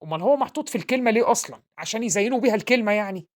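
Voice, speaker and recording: A woman's voice: on the high side, lively intonation, very fast, close to an everyday voice. A woman playing a blustering, pompous father with an Egyptian accent who insults his son while tutoring him and mangles English words. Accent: Egyptian Arabic. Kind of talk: comedy sketch acting.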